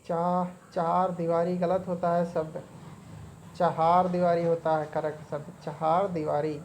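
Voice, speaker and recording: A woman with a low, dark voice teaches an exam-prep grammar lesson. She keeps her delivery flat and steady, repeating each word and marking it right or wrong. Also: slight background noise, low-quality recording.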